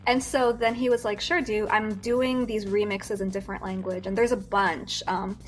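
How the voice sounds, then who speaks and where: A young American woman appears as a guest singer in a casual interview, talking with plenty of fillers, restarts and giggles. Her medium-pitched voice is level in tone and moves at a normal speed. Faint music plays in the background.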